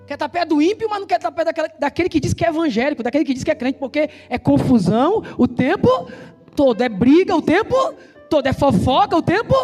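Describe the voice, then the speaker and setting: A man with a striking, very high voice preaches in a Brazilian Portuguese accent, fast, loud and emphatic. He keeps throwing questions back at the congregation. The sound rings with a long church reverb over faint instrumental music. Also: expressive. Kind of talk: sermon.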